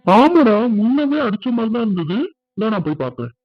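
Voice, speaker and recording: A man's voice: sits high, very animated, fast, dull audio, loud music behind the voice. Man voicing earnest village family men. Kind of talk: cartoon dubbing.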